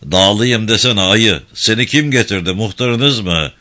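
A coarse young bully of a senior student, put on by a male narrator barks his questions and threats. The voice is loud and bright, with a hard edge. It sounds like a read-aloud audiobook. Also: on the low side, unhurried. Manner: gruff, barking and scolding. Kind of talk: audiobook character voice.

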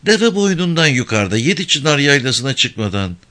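A man's voice: mid-range voice, sing-song, normal speed, sharp tone, pitched above the performer's own voice. A man doing a curt young village boy. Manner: short, clipped answers.

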